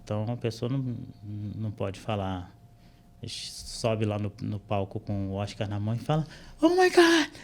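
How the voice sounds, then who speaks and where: A Brazilian man with a somewhat low voice talks in a relaxed, explanatory way, full of small fillers. He is a podcast guest in a studio, recorded close on a studio microphone. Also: normal speed. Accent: Brazilian Portuguese. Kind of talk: casual interview chat. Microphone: studio microphone with headphones.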